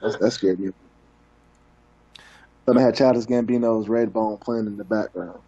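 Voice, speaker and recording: A man's voice: fairly low pitch, fairly even intonation, normal speed, mellow, slightly rough, no room sound, highs cut off. A man joining a casual podcast chat, jokey and playful.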